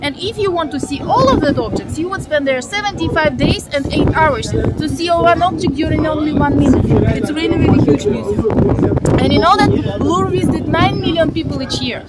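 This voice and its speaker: High-voiced woman tour guide. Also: expressive, fairly quick, few pauses. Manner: explanatory, asks the group questions. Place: outdoor viewing deck high above city at night. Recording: noisy windy outdoor city ambience.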